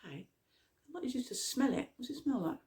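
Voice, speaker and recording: A guide leading a mindful eating exercise at home, asking gentle, slow questions and sometimes talking while chewing. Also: medium pitch, lively intonation. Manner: talks while chewing at times. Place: at home with a cat nearby.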